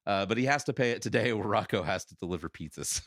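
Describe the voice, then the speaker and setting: A man's voice: lowish voice, lively intonation, fast talker, fairly bright tone, no room sound, clean studio sound. A man hosting a recap podcast in casual, riffing chat, speaking with an incredulous, sometimes profane edge. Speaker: podcast host.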